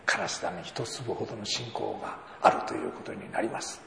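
An earnest elderly woman prays softly and pleadingly, as a preacher puts her on. The voice is low-key and gravelly. It carries long hall reverb. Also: fairly even intonation, a little fast, a little hiss or hum, full character voice. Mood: hushed, earnest. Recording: roomy hall reverb, faint ambience.

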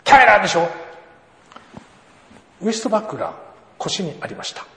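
A man preaching a sermon as an animated storyteller who acts out the dialogue of his anecdotes, in a church hall. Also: sits high, brisk. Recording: roomy hall reverb, faint ambience.

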